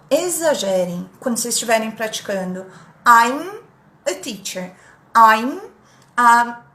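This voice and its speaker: A woman's voice: on the high side, fairly bright tone, reverberant. A Brazilian woman teaching English in a live online lesson, drilling pronunciation by repeating words and reading out viewer comments. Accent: Brazilian Portuguese. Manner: reads out chat comments from viewers. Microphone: computer mic on a live stream.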